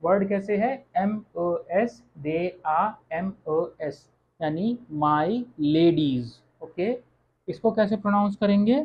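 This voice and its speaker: A French teacher giving an online lesson, speaking slowly and checking in with "okay" after each point. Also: medium pitch, breathy edge, muffled recording. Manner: slow, repeats words, says "okay" often.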